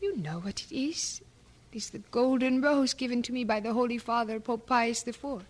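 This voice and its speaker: An actress playing a young, anxious yet proud queen, with measured, dramatic delivery in old radio drama style. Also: on the high side, natural voice.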